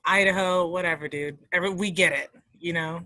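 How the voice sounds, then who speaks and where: Woman co-host, rambly and sweary, bright forceful voice, dry sound. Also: lowish voice, fairly even intonation, fairly quick, no echo, poor audio. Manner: rambling, profane, joking. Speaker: podcast co-host. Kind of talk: casual chat.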